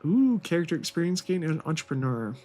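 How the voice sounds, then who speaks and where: A man's voice: fairly high pitch, very animated, brisk, darkish tone. A man thinks aloud in casual commentary as he plays a strategy game. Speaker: gaming video host.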